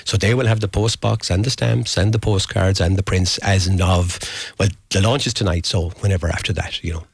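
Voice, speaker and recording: Deep-voiced west of Ireland man, clean dry sound. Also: fairly even intonation, a little fast, vocal fry, few pauses, husky, dry recording. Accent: west of Ireland, Galway. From Galway, Ireland. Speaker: guest, postcard designer. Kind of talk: informal radio interview, chatty.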